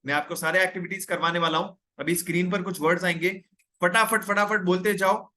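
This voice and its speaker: A young man with a high, pushed and bright voice teaches English in a live online class. He coaxes his students to speak up and reads out viewers' names and comments.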